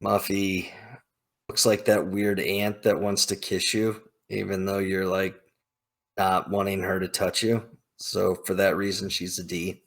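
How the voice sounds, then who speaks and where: With a low, gravelly yet fairly bright voice and little pitch movement, a man speaks at an unhurried pace. As host of a video ranking game characters, he thinks aloud in opinionated, casual commentary heavy on emphatic, exaggerated slang.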